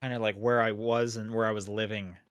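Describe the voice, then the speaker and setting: A man's voice: fairly low pitch, little pitch movement, a little fast, clean tone, no echo, lo-fi sound. Rambling man on a dry-sounding mic. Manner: rambling, hesitant, lots of fillers and restarts. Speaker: podcast co-host. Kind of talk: casual podcast chat.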